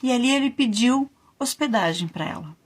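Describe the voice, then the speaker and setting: Woman storyteller, folk tale, husky voice, lively delivery. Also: fairly high pitch, moderate pace.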